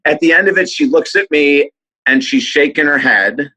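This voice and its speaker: Man, bright tone, fairly high voice, podcast guest, animated storyteller. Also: moderate pace, poor audio. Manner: enthusiastic, acts out quoted people. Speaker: author and speaker, guest.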